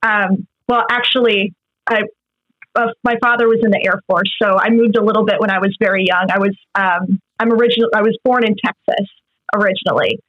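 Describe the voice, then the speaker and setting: A young American woman from Massachusetts, an actress appearing as an interview guest, chats casually and gigglingly, chuckling as she talks. Her voice is mid-range with fairly even intonation and a slightly fast pace, captured in a dull, slightly lo-fi close recording.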